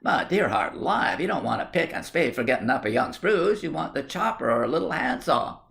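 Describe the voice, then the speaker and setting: A man playing a good-natured young village lad, blunt and chatty. He talks in broad rustic country speech with a joking streak, his delivery lively and full of swings, with a slightly gravelly edge. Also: mid-range voice, a little fast, pitched above the performer's own voice. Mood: apologetic.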